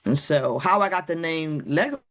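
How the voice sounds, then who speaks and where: Middle-aged woman telling stories on a podcast, animated, does little voices for people, laughs a lot. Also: low-pitched, moderate pace. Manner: lively, acts out quoted voices, laughs often. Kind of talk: animated storytelling in a podcast chat.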